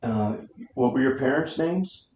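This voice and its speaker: A man's voice: mid-range voice, animated, unhurried, darkish tone. An American man interviewing someone, asking simple questions in turn. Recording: muffled, echoey room, faint noise.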